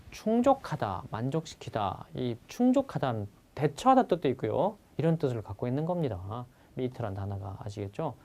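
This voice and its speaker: A man's voice: mid-range voice, a little mellow. A man teaching an exam-prep vocabulary lecture who keeps asking his students questions and repeats each key word.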